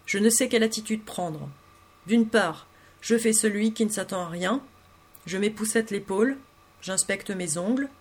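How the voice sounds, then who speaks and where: A woman narrating a literary story in the first person, reading in an intimate, expressive way. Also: mid-range voice, normal speed, breathy edge. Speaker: audiobook reader.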